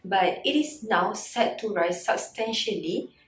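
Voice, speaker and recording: A woman's voice: medium pitch, expressive, a little slow. A woman delivering a scripted report as a news reporter. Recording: roomy echo, music behind.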